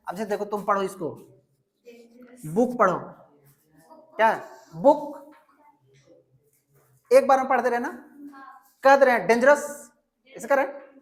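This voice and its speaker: A woman's voice: fairly high pitch, expressive, unhurried, pauses often. A woman teaching an English grammar lesson, asking questions and answering them herself, and stretching out example words. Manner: drills with repeated questions and answers.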